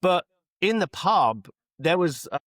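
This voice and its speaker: Rambling podcast host, opinionated. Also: male voice, high-pitched, sing-song, takes it slowly, fairly bright tone, no room sound, clean studio sound. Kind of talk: casual podcast chat. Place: pub-going fan in Australia.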